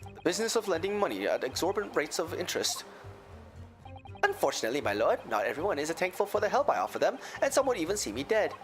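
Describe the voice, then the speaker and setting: A man's voice: a little high, big pitch swings, fast, soft background music. A man voicing a folksy, genial Irish moneylender in a courtroom game, with an Irish accent and a theatrical lilt. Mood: slyly genial. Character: folksy, smooth-talking Irish moneylender, genial male witness. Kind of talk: voiced reading of game dialogue.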